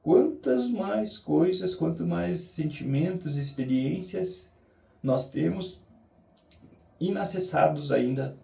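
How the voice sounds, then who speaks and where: A Brazilian man talking reflectively and motivationally to a vlog audience, musing haltingly with drawn-out pauses. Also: fairly high pitch, vocal fry, mellow. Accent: Brazilian Portuguese. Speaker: daily challenge vlogger. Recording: roomy echo, distant mic.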